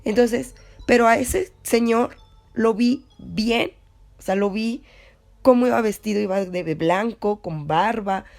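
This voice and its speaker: A woman's voice: fairly high pitch, a little slow, gravelly, darkish tone. A young woman with a Mexican accent casually recounting a personal anecdote, rambling with many fillers and self-corrections. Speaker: story contributor.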